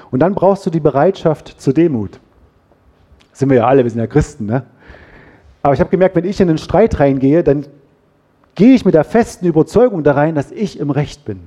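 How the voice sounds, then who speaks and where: Lively German preacher, mellow voice. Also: male voice, a little high. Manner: lively, acts out quarrels in quoted voices. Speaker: pastor. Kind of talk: sermon.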